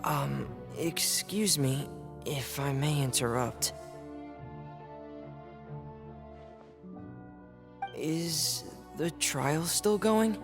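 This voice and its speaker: A shy young boy in a fantasy game. The speech is slow and hesitant with a creaky edge, polite and subdued, with music clearly underneath. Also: medium pitch. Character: shy, dutiful, soft-spoken young boy diver. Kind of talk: dramatic game voice acting.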